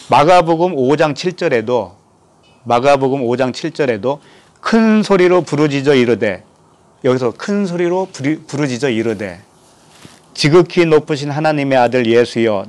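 A man from Korea preaches a sermon in a medium-pitched voice. As a pastor, he reads scripture aloud and questions his listeners.

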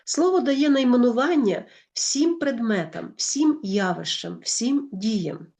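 Ukrainian woman teaching a lively lesson. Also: fairly high pitch, slow pace, vocal fry. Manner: lively explanatory, with self-corrections. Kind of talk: school lesson explanation.

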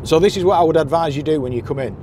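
Talking very fast in a slightly high, darkish voice, a man drives while giving anglers practical, chatty directions as a boat skipper's guide. Car and road noise sit behind the casual commentary.

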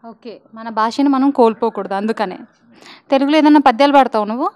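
A woman's voice: a little high, fast talker, darkish tone. A young woman anchor chatting playfully with children, teasing them and asking questions. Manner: chatty, teasing, talks to kids in a friendly way.

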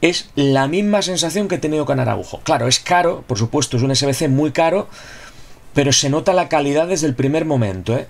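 A man's voice: on the high side, lively intonation, a little fast. A man giving a casual, chatty video review of a football game card, often repeating himself and asking rhetorical questions. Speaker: gaming YouTuber reviewing a player card.

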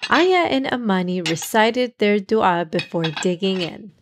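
Woman, children's storybook narration, slow pace, expressive, medium pitch. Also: noisy background. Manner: slow, expressive, warm read-aloud. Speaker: children's storyteller, podcast host.

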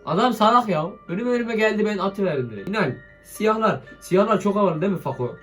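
Sick young man excitedly playing a game. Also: sits high, quick pace, soft background music. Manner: excitable, swears playfully at the game. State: sick, voice strained. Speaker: mobile game YouTuber. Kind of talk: casual gameplay commentary.

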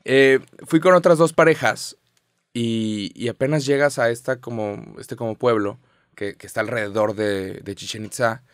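A man's voice: medium pitch, normal speed, no room sound. Slangy young Mexican man, dry sound. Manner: slangy, animated storytelling. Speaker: podcast co-host. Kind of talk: casual chat.

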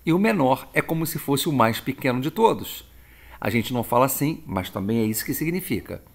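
Lively male teacher explaining grammar. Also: mid-range voice, creaky. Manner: lively and explanatory, slows down to model English phrases. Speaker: English teacher. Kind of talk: grammar lesson.

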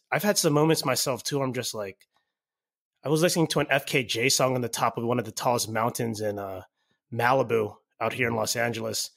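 A man's voice: mid-range voice, vocal fry, a bit bright. Upbeat man hosting a podcast. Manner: upbeat, heavy use of "like". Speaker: podcast host. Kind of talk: casual podcast interview. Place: home room. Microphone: headset with mic.

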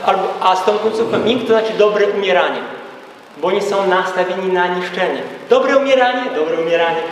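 A man's voice: high voice, fairly even intonation, fairly quick, slight background noise. A man lecturing to a live audience in an emphatic way, throwing out rhetorical questions. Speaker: speaker at a gathering. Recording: echoey hall from far off.

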